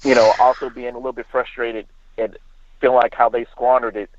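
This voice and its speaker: A man calls in to a talk show and argues his point bluntly, cursing freely and stumbling over restarts. His voice sits at an ordinary pitch. The call comes through a dull, lo-fi line. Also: level tone, a little fast, dry recording. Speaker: caller. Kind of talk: call-in radio chat.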